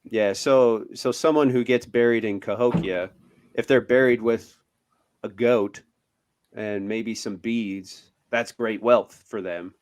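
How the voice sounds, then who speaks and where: A man's voice: fairly low pitch, steady tone, slow. Hesitant man co-hosting a podcast. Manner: hesitant, lots of fillers. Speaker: podcast co-host. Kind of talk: casual chat.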